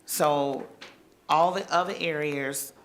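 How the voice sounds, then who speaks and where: A woman council member speaking in a reassuring, slightly halting way during a meeting. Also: sits low, steady tone, slight background noise. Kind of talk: meeting discussion. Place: council chamber.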